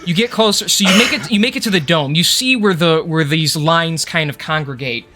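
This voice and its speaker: A man narrating a tabletop game as game master, improvising casually and haltingly. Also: on the high side, bright, forceful tone.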